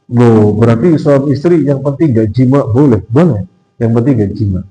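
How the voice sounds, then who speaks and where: A man preaching in a mosque, his voice mellow and mid-pitched. He talks in a chatty, teasing way, often quizzing his listeners. When he quotes others, his voice climbs into a strained, raised pitch. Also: moderate pace, rough recording. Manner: chatty and teasing, questions the audience and laughs. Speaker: ustadz giving a pre-Ramadan study talk. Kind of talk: informal sermon.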